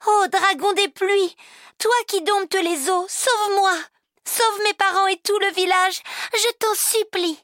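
A woman voicing a brave young village girl from a storybook, calling out in a high, drawn-out voice. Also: steady tone, a bit bright, dry recording, studio quality, exaggerated voice. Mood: pleading. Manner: high, slow, drawn-out calls.

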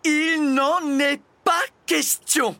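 Man putting on an indignant teacher lady, high and lively, storybook. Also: moderate pace, husky, no echo. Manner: indignant, exasperated. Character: cross adult woman schoolteacher.

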